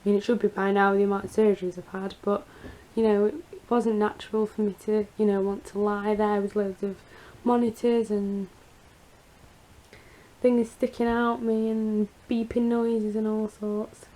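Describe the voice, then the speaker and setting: A woman with a croaky, creaky voice after surgery, chatting casually in a rambling, confiding personal vlog update. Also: mid-range voice, little pitch movement, normal speed, warm tone, rough recording. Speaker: vlogger.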